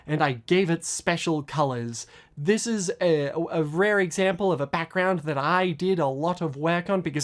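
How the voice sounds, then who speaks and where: A woman talks casually as a video creator explaining her own work. Her voice sits a little low, and she rambles eagerly, stammering and repeating words as she goes. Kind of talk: casual behind-the-scenes commentary.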